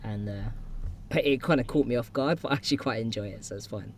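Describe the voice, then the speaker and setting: A man co-hosts a live-streamed podcast, rambling through his thoughts with plenty of fillers and restarts. His pitch sits in the middle range, and a faint hiss runs under the voice. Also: fast. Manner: rambling, filler-heavy, enthusiastic. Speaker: podcast co-host. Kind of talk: casual chat about music videos.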